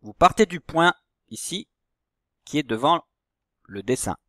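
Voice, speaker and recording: Man, primary teacher, slow patient delivery, drawn-out syllables, dry close sound. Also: a little high, lively intonation, pushed and bright, no room sound. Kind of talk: recorded reading lesson for young children.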